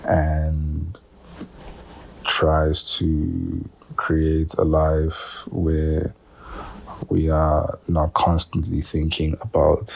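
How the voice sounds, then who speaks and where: Slow, gravelly young man's deep voice. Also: a little mellow, rough recording. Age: young adult. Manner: slow, halting, earnest. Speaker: son paying tribute. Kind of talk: spoken tribute.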